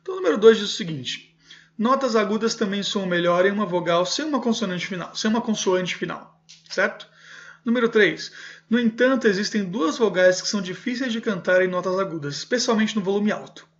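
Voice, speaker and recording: A man with a rather high voice teaches a video lesson, reading a book aloud and explaining it. He often checks in with a questioning "certo?" and fixes his own slips. The recording sounds dull and lo-fi. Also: brisk. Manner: keeps adding a questioning "certo?" tag, corrects himself aloud. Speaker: music teacher.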